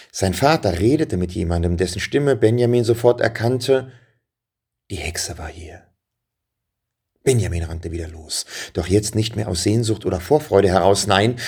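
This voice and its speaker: A man reading a children's story aloud in a lively, dramatic way, dropping to hushed passages. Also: low voice, creaky, breathy edge.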